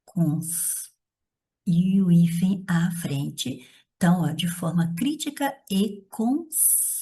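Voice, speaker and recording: A middle-aged woman teacher who talks the viewer through writing an essay by hand, step by step, often checking in with a quick question. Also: on the low side, sing-song, warm tone, breathy edge.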